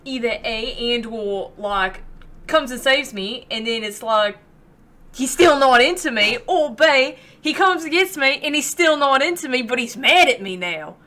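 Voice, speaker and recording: A woman's voice: high-pitched, expressive, measured pace, sharp tone. A woman playing her character in a tabletop game, flustered and laughing, rambling through her worries. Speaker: player.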